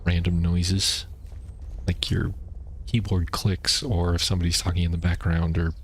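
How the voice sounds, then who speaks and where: A man streaming a video game, talking in a rambling, casual way with a deep voice and explaining things between plays. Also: flat delivery, normal speed, slight background noise. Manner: rambling, explains while playing, many fillers. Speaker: gaming streamer. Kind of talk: casual gameplay chat. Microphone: streaming microphone.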